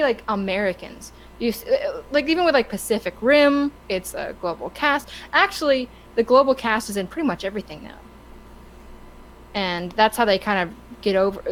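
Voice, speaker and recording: With a medium-pitched voice, this woman co-hosts a podcast, chatting loosely and offering her views while frequently stumbling and starting over. The recording is rough, carrying slight hiss or hum.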